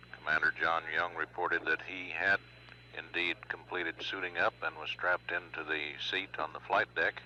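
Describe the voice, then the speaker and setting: A man giving formal, measured spaceflight status commentary as a mission control announcer, with hesitant pauses. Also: low-pitched, bright, forceful tone. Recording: dull lo-fi broadcast, faint hum.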